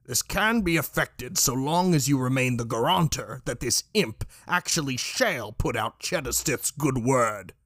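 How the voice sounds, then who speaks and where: A man voicing a male creature with a horrible, smoke-ravaged, raspy voice and pompous, old-fashioned phrasing. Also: medium pitch, expressive, unhurried, few pauses, fairly bright tone, no room sound, clean studio sound. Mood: ominous.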